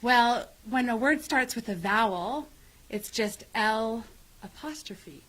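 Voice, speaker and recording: A woman's voice: a little high, lively intonation, slow pace, a bit bright, poor audio. A woman who works as a substitute teacher, chatting casually on a video call with a jokey, giggly, self-mocking manner. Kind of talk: casual chat.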